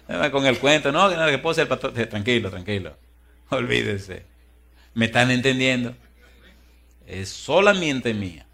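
A middle-aged man preaching a sermon as pastor, animated and humorous, moving from hushed asides to loud exhortation. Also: mid-range voice, normal speed, vocal fry, long pauses. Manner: humorous storytelling.

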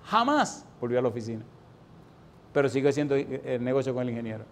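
A man in his sixties preaching a sermon, telling a personal story in an animated way and lifting his voice for repeated refrains. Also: mid-range voice, quick pace, slight background noise. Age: 60s.

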